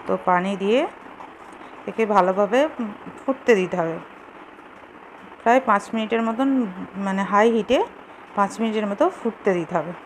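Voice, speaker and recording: Hosting a recipe video from her home kitchen, where the recording is clearly noisy, a woman explains each cooking step plainly and casually. Her pitch is medium and her speed normal, broken up by long pauses.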